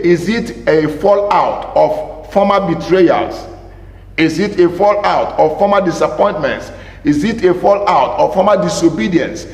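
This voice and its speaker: This pastor and marriage counselor has a slightly high, darkish voice. His emphatic teaching talk to camera leans on repeated key phrases and rhetorical questions, recorded in a roomy space that rings with long reverb.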